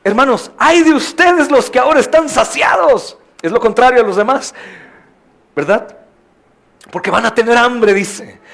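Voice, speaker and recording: A man preaches to his congregation in a fairly high voice, pleading and questioning, now quiet and grave, now crying out with force. He speaks as the pastor of the church. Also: creaky. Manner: impassioned, swings from soft to loud cries; addresses the congregation as brothers, asks questions. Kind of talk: sermon.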